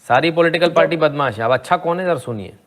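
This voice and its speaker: A man's voice: a little high, fast talker, fairly bright tone. A man commenting on debate clips in a sarcastic, rhetorical way, often asking the listener "hmm?". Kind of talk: opinionated video commentary.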